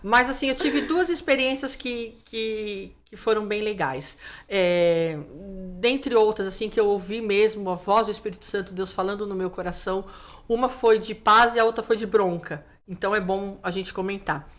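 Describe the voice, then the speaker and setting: In a mid-range voice at a moderate pace, a guest pastor, a woman, tells her testimony during an informal interview. Her storytelling is lively, with acted-out dialogue and plenty of "né" fillers.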